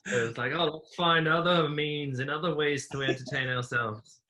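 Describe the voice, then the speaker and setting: A young man from New Zealand, a podcast guest telling his life story in a relaxed, rambling way with many fillers. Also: on the high side, normal speed. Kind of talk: casual conversational interview.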